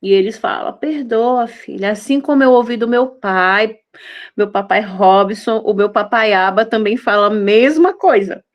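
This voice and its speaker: A woman's voice: medium pitch, a little slow, highs cut off. A woman in her fifties giving a devotional sermon, tender and intimate, pleading with her listeners. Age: 50s. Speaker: devotional preacher.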